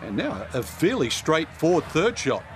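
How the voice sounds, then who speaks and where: A man's voice: fairly high pitch, wildly swooping pitch, normal speed, a little hiss or hum. A man giving conversational golf commentary as the analyst in a sports video game.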